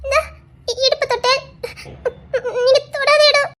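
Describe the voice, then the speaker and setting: A woman's voice: very high-pitched, little pitch movement, unhurried, noisy background. A woman playing a heartbroken, stubborn young woman who pleads and reproaches her lover through tears. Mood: tearful. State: crying. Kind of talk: screen drama acting.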